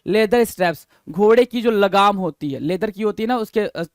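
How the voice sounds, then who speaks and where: High-voiced man teaching vocabulary. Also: no echo. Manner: quizzes students with repeated questions, spells words letter by letter; reads English definitions slowly, then explains in Hindi. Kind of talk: exam-prep vocabulary lesson.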